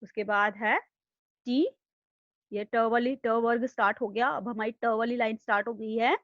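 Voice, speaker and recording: A woman's voice: on the high side, steady tone, moderate pace, a bit bright, no echo, dull audio. A woman teaching an online class to young children, patient and repeating herself. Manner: patient, repeats "thik hai?" after nearly every line. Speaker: primary school teacher. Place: home room, online video class.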